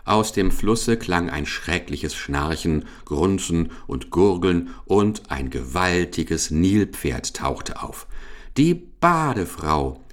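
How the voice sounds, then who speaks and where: A man narrating a humorous children's animal story in a lively, ironic, expressive reading. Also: sits low, takes it slowly, few pauses.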